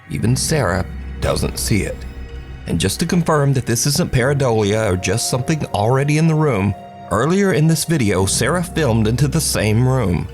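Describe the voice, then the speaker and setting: Lively man narrating spooky clips. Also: mid-range voice. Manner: dramatic, playful storyteller. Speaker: host narrating viral videos. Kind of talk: scripted narration. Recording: background music.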